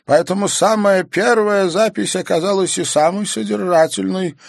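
A man's voice: sits high, fairly even intonation, moderate pace, vocal fry, dry recording, clean studio sound, pitched above the performer's own voice. A man voicing an older, persuasive male leader of a secret club in an audiobook. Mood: explaining. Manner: coaxing, ingratiating. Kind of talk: audiobook character voice.

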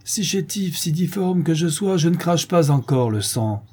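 A man voicing a sullen, deformed young nobleman who answers in sharp, sour replies in a storybook reading. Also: medium pitch, lively intonation, normal speed, husky, pitched above the performer's own voice. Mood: bitter.

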